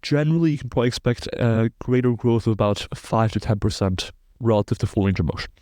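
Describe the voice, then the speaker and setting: A Belgian-raised man in his twenties is a podcast guest, explaining sports science research in precise, technical terms. He speaks fast in a mid-range voice with a dark tone, recorded at studio quality with no room sound.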